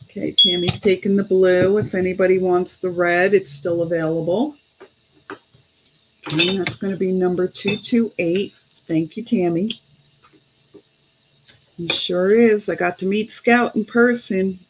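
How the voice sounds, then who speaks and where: Unhurried middle-aged woman, casual auctioneer. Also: lowish voice, fairly even intonation, noisy background. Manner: informal auctioneer, calling bids and prices between chatty asides; unhurried, with pauses. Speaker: online auction host selling vintage glass. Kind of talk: casual live-sale chat. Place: small home room, indoors.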